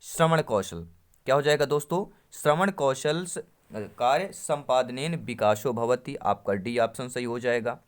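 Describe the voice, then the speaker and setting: A man's voice: medium pitch, unhurried. A man teaching an exam-prep lesson, reading Sanskrit options and explaining them in Hindi while addressing viewers as friends.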